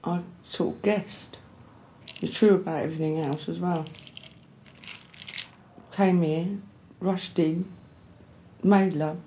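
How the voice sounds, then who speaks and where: A woman's voice: lowish voice, fairly even intonation, slow pace, pauses often, warm tone, a little hiss or hum. Blunt, swearing woman. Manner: blunt, swearing, acts out quoted exchanges. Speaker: documentary subject. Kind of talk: candid interview.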